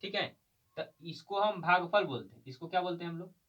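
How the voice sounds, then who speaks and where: A man's voice: high voice, brisk, fairly bright tone. A man teaching a math class, quizzing students with repeated questions and spelling out terms letter by letter. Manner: drills terms with call-and-response questions. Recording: distant dull lo-fi recording.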